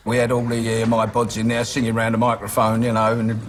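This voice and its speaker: A man's voice: medium pitch, completely flat delivery, quick pace, a little hiss or hum. A middle-aged man with a Cockney accent, recalling his band's early days in a documentary interview, slangy and profane. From East London. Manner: rambling, profane storytelling with slang. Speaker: band member interviewee. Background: music underneath.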